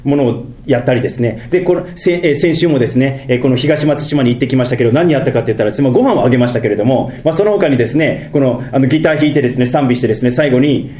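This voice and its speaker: A middle-aged man with a Tohoku accent preaching a sermon as pastor. He moves between drawn-out, lofty passages and quick, mumbled asides. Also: mid-range voice, dark tone. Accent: Tohoku Japanese.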